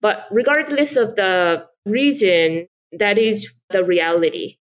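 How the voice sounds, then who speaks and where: Speaking slowly at a medium pitch, a startup founder from South Korea explains her points earnestly as a podcast guest. The words "absolutely" and "so" come up again and again.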